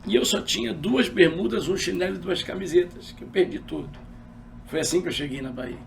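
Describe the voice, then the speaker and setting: Homem carioca de voz rouca e aguda. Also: male voice, high voice, fairly quick, creaky, recorded from a distance, slight background noise. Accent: carioca Brazilian Portuguese. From Rio de Janeiro. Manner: animated storyteller, acts out dialogue. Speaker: pastor. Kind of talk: personal testimony in an interview.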